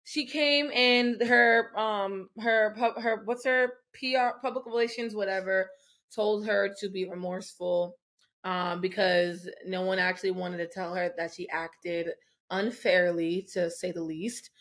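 Ranting, expressive woman podcast guest. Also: mid-range voice, a little slow. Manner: expressive, loud outbursts and playful ranting. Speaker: guest, a listener. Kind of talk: casual chat.

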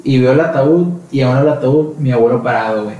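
A man's voice: medium pitch, fast, mellow, dull audio. A man with a Mexican Spanish accent, telling stories in a casual podcast chat and peppering them with slang fillers. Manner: storytelling with constant slang fillers. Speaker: podcast co-host. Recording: roomy echo, distant mic, faint noise.

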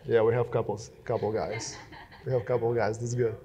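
A man's voice: mid-range voice, flat delivery, moderate pace, warm tone. A young man with a Russian accent gives a casual talk to a live audience, speaking directly and asking the room questions. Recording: long reverb of a hall.

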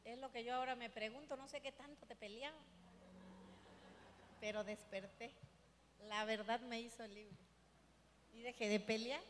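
A woman, the pastor's wife, giving a soft, reflective testimony during a sermon. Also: on the high side, fairly even intonation, normal speed, pauses often, slight background noise.

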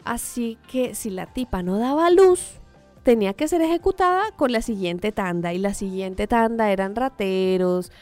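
A woman telling a story in a casual, animated way, full of fillers and acted-out reactions. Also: mid-range voice, normal speed, faint music behind.

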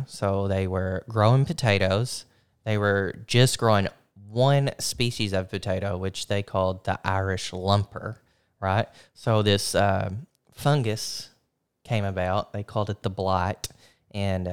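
A man's voice: lowish voice, clear, resonant tone. A man co-hosting a podcast in casual chat, joking and playful. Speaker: podcast co-host.

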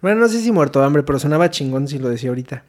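A man's voice: a little high, expressive, rapid-fire, a little mellow. A young man with a Mexican accent tells a story in casual chat. He swears a lot, uses heavy slang and acts out what people said. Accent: Mexican Spanish.

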